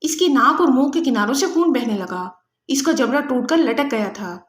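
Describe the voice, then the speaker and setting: A woman narrating a spy novel in a steady, dramatic reading. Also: high voice, roomy sound. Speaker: audiobook narrator.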